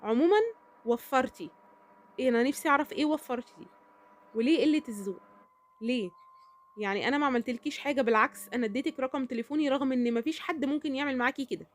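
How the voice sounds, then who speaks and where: With a high voice and an Egyptian Arabic accent, a woman chats casually and talkatively in her cooking vlog. She repeats herself and frequently checks in with "okay?".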